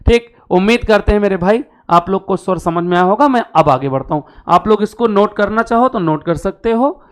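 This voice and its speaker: A man's voice: high-pitched, fairly bright tone, clear, resonant tone. A male Hindi teacher giving an exam-prep class, asking questions and answering them himself and repeating key terms.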